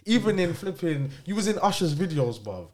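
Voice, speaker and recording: Young male panellist, London roadman accent, fairly high animated voice, insistent slangy debate. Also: fairly quick. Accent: London, urban roadman slang. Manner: insistent, slangy, repeats questions. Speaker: podcast panellist. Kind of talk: casual argumentative banter.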